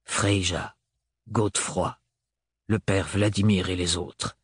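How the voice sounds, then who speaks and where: A man's voice: on the low side, expressive, takes it slowly, a little mellow, breathy edge, dry recording, studio quality, heavily acted. A man reading an audiobook, voicing a stern, distant man with hard intonation. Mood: grave.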